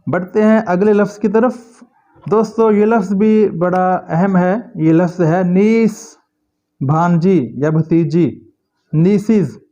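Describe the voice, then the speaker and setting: A man with a Pakistani accent leads a slow vocabulary drill, saying each word slowly and carefully more than once. His voice is a little high but dark and mellow. The recording is dull and lo-fi. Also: steady tone. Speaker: English teacher.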